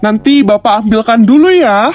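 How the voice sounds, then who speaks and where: A woman's voice: a little high, expressive, a little mellow, soft background music, natural voice. A woman voicing a friendly, patient male corner-shop owner in a toy story video, speaking politely and without hurry. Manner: polite, unhurried shopkeeper talk.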